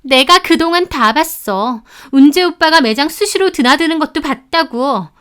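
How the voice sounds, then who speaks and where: Woman putting on a shrill furious young mistress. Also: lively intonation, moderate pace. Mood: shrieking. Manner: shrill, yelling insults.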